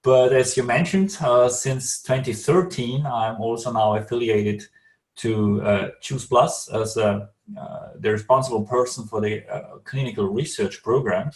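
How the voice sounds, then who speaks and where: Austrian man, halting, on a video call. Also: medium pitch, steady tone, reverberant, recorded from a distance. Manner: careful, halting, many restarts. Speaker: guest, clinical research director.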